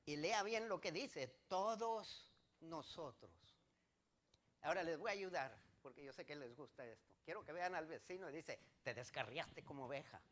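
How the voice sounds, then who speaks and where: A male pastor preaching a sermon, firing rhetorical questions at his congregation and swinging between loud declarations and quiet asides. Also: fairly high pitch, expressive, normal speed.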